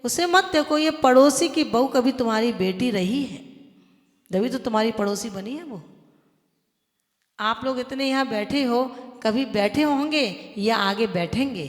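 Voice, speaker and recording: A woman's voice: fairly high pitch, a little slow. A woman, a Jain nun, giving an earnest devotional sermon that exhorts listeners and explains with everyday examples. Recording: echoey hall with long reverb.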